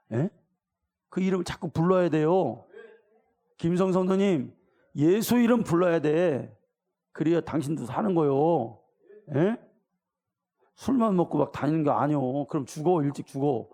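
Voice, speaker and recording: Here a middle-aged pastor delivers a sermon, chatting informally with his congregation, quizzing them, and imitating the people he describes. The voice is fairly high and dark in tone, moving at a moderate pace.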